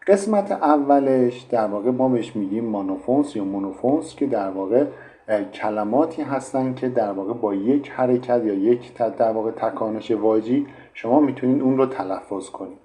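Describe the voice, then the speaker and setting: A man's voice: medium pitch, dark tone. A man teaching English pronunciation in an online lesson, explaining patiently with frequent fillers. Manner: explanatory, many fillers like "in fact".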